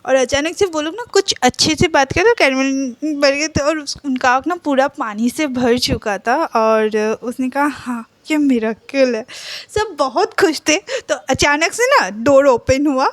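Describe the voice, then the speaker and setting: A woman's voice: sits high, animated, measured pace, no room sound. A woman casually retelling a fan fiction story, chatty and full of fillers and self-corrections.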